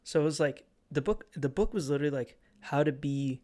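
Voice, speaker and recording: A man's voice: a little high, a little fast, a little mellow. A young man co-hosting a podcast, telling stories in a rambling way, full of fillers and restarts. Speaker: podcast co-host. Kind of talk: casual chat.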